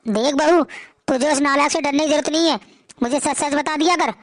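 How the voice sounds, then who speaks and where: A woman's voice: sits high, a little fast, no echo, clean studio sound, natural voice. A woman voicing a stern, reproachful older mother-in-law who keeps prying.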